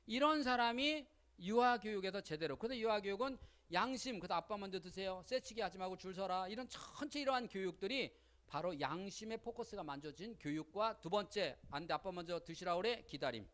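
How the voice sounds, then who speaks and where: A woman giving a lively seminar lecture on parenting, speaking colloquially, often asking the audience questions and acting out little quotes. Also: medium pitch, brisk. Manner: colloquial, with frequent rhetorical questions and acted-out quotes.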